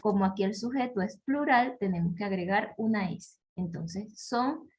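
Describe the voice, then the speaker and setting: A woman teaching a French class online, explaining slowly and checking in with "¿ok?" and filler words, with faint background noise. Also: medium pitch, darkish tone, rough recording. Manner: slow, explanatory, many "¿ok?" checks and "este" fillers; reads French example sentences slowly with exaggerated pronunciation.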